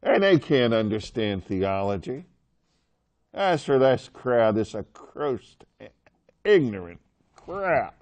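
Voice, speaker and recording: A haughty, snarling temple elder looks down on the crowd, as a male teacher puts him on. The words come slow and heavy with scorn. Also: mid-range voice, sing-song, a little mellow. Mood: sneering. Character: sneering, scornful temple leaders, grown men.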